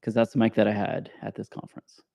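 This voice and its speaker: A man's voice: on the low side, level tone, fast, gravelly, a little mellow, no echo. A man co-hosting a casual chat, rambling and laughing at himself, with a slight whistle on his s sounds that comes across like a lisp. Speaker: podcast co-host. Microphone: desk microphone.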